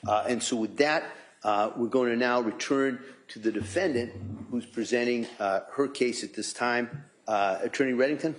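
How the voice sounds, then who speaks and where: An American man, a judge, speaking courteously and haltingly as he explains things from the bench. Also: lowish voice. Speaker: judge presiding over a trial.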